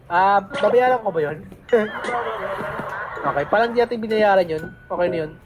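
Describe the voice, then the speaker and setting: A woman's voice: mid-range voice, normal speed, rough recording. A woman with a Filipino accent hosting a gaming channel, chatting playfully as she plays and mixing Tagalog with English. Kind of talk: casual game commentary. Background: game music.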